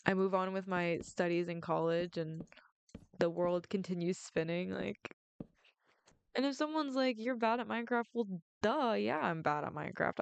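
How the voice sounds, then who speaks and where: A woman's voice: fairly low pitch, creaky, smooth, no room sound. A young adult woman, a film student, chatting casually and rambling with lots of "like" fillers while playing a game. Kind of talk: casual gameplay chat.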